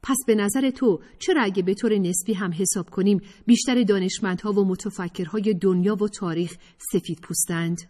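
Woman doing a pushy earnest girl lecturing everyone, husky voice, echoey room. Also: mid-range voice, few pauses, mellow, pitched above the performer's own voice, close to an everyday voice. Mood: insistent. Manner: pressing, lecturing, impatient. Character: earnest, insistent young woman arguing a point. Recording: reverberant room.

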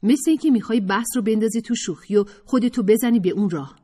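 A woman's voice: on the high side, warm tone, voice pushed up, lightly acted. A woman raising her voice for an insistent young debater. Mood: lecturing. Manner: pressing, lecturing, impatient. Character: earnest, insistent young woman arguing a point. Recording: reverberant room.

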